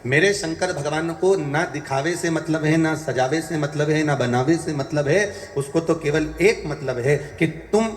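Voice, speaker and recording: Man preaching emphatically in an echoey hall. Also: on the high side. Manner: repetitive, emphatic, exhorting listeners. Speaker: preacher giving a religious discourse. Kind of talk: devotional sermon with sung verses. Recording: echoey hall with music behind.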